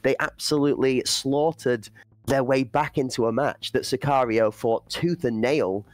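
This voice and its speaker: A man's voice: mid-range voice, unhurried, no room sound. A man commentating an esports playoff, breaking down play and building hype for the chat. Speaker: esports caster.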